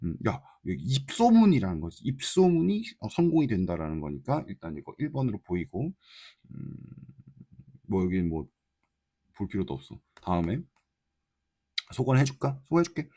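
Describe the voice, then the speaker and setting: A man's voice: on the low side, big pitch swings, normal speed, mellow, breathy edge, dry recording, clean studio sound. A man teaching an exam-prep English lesson in casual Korean, reading English lines with a Korean accent and checking in with his students. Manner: talks to students, checks in with frequent tag questions; mixes Korean explanation with read-out English lines.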